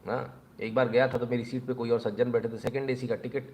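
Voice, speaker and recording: A man giving sarcastic news commentary in an animated voice, and he often speaks directly to the people he criticises. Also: medium pitch, fast, slight background noise. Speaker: political commentator.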